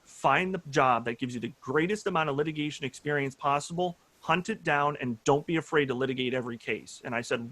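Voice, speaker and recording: A man's voice: mid-range voice, fairly bright tone. A man in his thirties, a judicial candidate, answering forum questions earnestly with many "uh" fillers over a video call.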